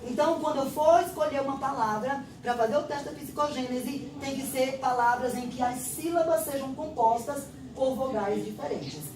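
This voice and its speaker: A literacy teacher with a Brazilian Portuguese accent walks through a classroom test step by step, acting out exchanges with her pupils. Her high voice moves at a moderate pace with few pauses. The distant mic picks up roomy echo and background noise.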